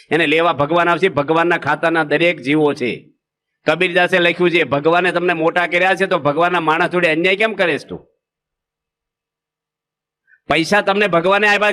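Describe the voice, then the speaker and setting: A man's voice: fairly high pitch, pushed and bright. A man with a Gujarati accent giving a humorous sermon as a monk, asking the audience rhetorical questions and acting out parents and children. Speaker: monk preacher.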